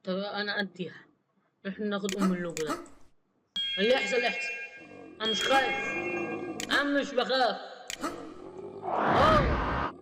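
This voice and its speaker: A man with an Egyptian Arabic accent commentating his gameplay in a joking, excitable way, often laughing. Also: high-pitched, fast talker, pauses often, over loud music. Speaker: gamer. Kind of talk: let's play commentary.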